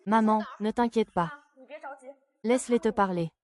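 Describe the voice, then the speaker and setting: A woman's voice: medium pitch, a little slow, lightly acted. A woman dubbing dialogue for a family drama with an emotional delivery. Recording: loud crowd noise behind.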